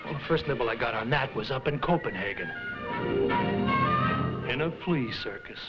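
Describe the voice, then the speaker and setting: Casting: male actor as narrating film investigator, dull vintage soundtrack, loud score underneath. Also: medium pitch, animated, moderate pace, loud music behind the voice, lightly acted. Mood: brisk, recounting. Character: investigator recounting his search. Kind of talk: old film dramatic narration.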